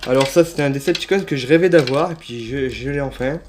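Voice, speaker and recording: Filming on a phone held in his hand without a tripod, a toy collector chats through an unboxing in a fast, mid-range, darkish voice. Slight background noise is present, and he hesitates, leans on fillers, and frequently corrects himself.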